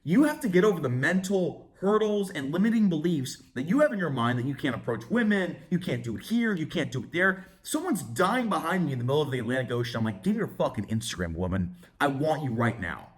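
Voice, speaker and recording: A young man, a dating coach, telling a brash, profane story in an animated vlog style. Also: on the high side, quick pace, few pauses.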